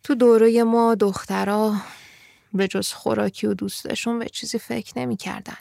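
A woman's voice: a little high, fairly even intonation, creaky, darkish tone, no room sound. A woman reading a weary grown man. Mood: wry. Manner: dry, dismissive, mildly patronizing. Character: weary grown man, older than the girl.

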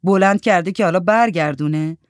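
A woman's voice: lowish voice, no echo, clean studio sound, close to an everyday voice. A woman voicing a scornful, tough young woman smoker who talks in blunt, sneering street speech.

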